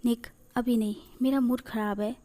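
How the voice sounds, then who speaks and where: A woman's voice: on the high side, fairly even intonation, normal speed, dark tone, close to an everyday voice. A woman voicing an angry young man who protests against an arranged marriage. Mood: irritated.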